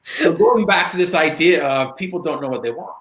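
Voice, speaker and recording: A man giving a motivational talk as a guest speaker, lively and storytelling, acting out bits of dialogue. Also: on the high side, noisy background. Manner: animated storyteller, acts out dialogue in quick voices. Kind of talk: motivational talk on a live stream. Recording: echoey room.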